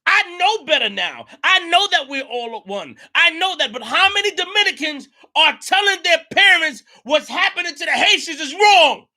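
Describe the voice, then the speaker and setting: Delivering an impassioned monologue on his own program, this New York host has a very high, sharp voice with a sing-song lilt. He keeps a moderate pace with hardly any pauses, driving points home emphatically through repetition and outbursts of shouting.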